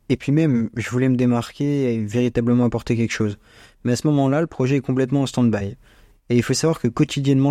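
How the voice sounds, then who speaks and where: Male podcast host, around 20. Soft-edged, relaxed tone, informal and chatty, close dry home recording. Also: medium pitch, no room sound. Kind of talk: scripted casual monologue. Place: small bedroom at parents' home, dry sound. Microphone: small home microphone.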